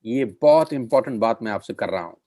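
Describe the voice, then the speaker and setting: A man's voice: medium pitch, lively intonation, fairly quick, warm tone, no echo, studio quality. A middle-aged man giving a persuasive business opportunity presentation, repeating phrases for emphasis and calling listeners his friends. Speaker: network marketing presenter.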